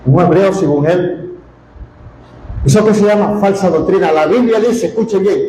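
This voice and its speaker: A man with a fairly high voice preaches a folksy, joking sermon, leaning hard on repeated words for emphasis. He sounds like he is in an echoey room with a faint hum of ambience behind him. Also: moderate pace, dark tone. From Colombia. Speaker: pastor.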